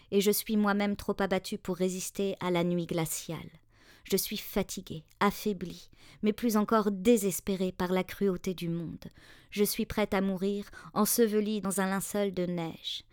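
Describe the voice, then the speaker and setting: A woman voicing an exhausted, desperate poor mother pleading softly for her child. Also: mid-range voice, fairly even intonation, moderate pace, clear, resonant tone, no room sound, studio quality, lightly acted. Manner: soft, pleading.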